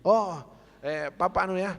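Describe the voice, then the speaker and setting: Man playing a fussy sleepy wife, raised high voice, echoey church hall. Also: unhurried, fairly bright tone. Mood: fussing. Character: sleepy apologetic wife at home.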